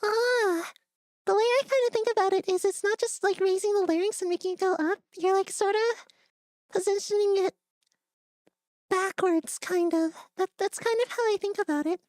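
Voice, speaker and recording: A woman's voice: very high-pitched, fairly even intonation, normal speed, darkish tone, no room sound, clean studio sound. A woman on a live stream walking through vocal technique step by step, giggly and casual as she explains. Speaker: guest voice coach. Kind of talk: casual voice-training demo on stream.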